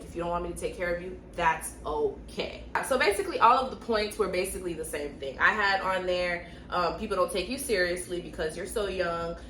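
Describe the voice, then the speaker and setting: A woman's voice: fairly low pitch, a bit bright, roomy sound, slight background noise. A young woman from Miami, a nurse, giving direct, emphatic storytime advice and repeating points for stress. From Miami, Florida. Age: young adult. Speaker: nurse and vlogger.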